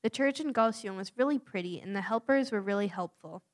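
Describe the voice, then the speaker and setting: A young American woman who volunteers with a youth mission reads a prepared personal account aloud. Her mid-range voice is earnest and steady, and her pace is brisk.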